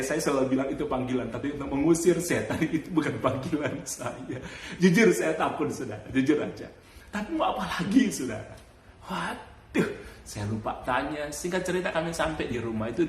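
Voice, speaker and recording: Male pastor, animated sermon storyteller, mid-pitched voice, roomy echo, faint background hum. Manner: animated storytelling with sudden high bursts and laughs. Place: church.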